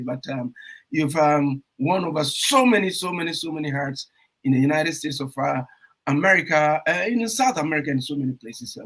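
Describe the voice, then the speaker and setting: Enthusiastic husky male radio host. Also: fairly high pitch. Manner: emphatic, repetitive, with bursts of loud enthusiasm. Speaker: radio talk show host. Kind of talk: energetic radio show intro and interview. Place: Toronto.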